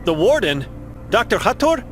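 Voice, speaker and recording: A man's voice: high-pitched, sing-song, moderate pace, a bit bright, slight background noise. A man voicing a young monk in a game who is searching for his sister, polite and earnest as he presses with questions. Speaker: game protagonist.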